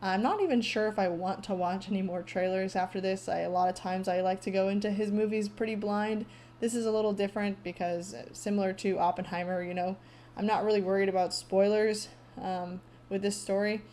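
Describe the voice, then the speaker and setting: A woman casually recapping a trailer on her own, pausing often with ums and thinking aloud. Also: medium pitch, steady tone, dark tone, a little hiss or hum. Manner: frequent ums, halting, thoughtful. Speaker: vlogger recapping a movie trailer.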